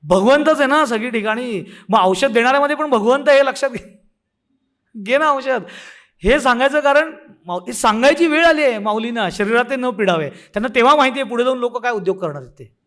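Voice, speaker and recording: A man's voice: extremely high pitch, expressive, a little fast, fairly bright tone. A man, a spiritual teacher, giving a devotional discourse that mixes humorous parables with quoted saint verses and occasional laughs.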